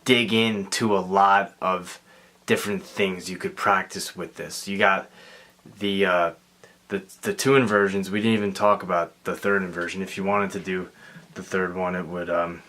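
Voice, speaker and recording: A man giving a casual guitar lesson, talking in a relaxed, halting way with many fillers and restarts. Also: deep voice. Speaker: guitar teacher. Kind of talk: casual instructional talk. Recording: clear guitar playing behind the voice. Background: guitar and metronome.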